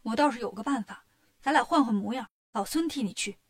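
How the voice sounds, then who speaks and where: A woman voicing a clever, boastful male monkey king in a storybook reading, talking briskly and confidently. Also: a little high, close to an everyday voice.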